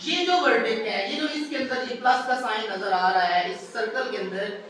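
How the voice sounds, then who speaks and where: A man's voice: sits high, normal speed, a bit bright. A male teacher giving a math lesson to a class, patiently asking students to repeat key answers. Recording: echoey classroom from far off, faint noise.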